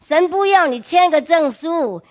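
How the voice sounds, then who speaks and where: A woman's voice: very high voice, lively intonation, a little slow. A woman giving a personal testimony to a congregation in an earnest, emphatic way, often asking the listeners direct questions and dropping in English words. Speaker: church testimony speaker.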